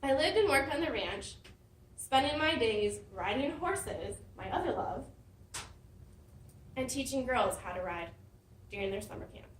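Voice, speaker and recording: A woman giving a prepared personal story speech at a speaking club, telling it with lively dramatic emphasis. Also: on the high side, unhurried, pauses often, slight background noise. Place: meeting room. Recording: roomy hall, mic at a distance.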